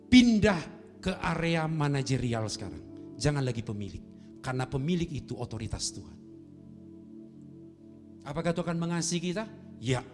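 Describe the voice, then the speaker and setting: Animated male pastor preaching in a reverberant hall. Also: medium pitch. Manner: animated preaching with dramatic swings between soft and loud emphasis. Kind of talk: sermon. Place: church hall. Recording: long reverb in a church hall with music behind.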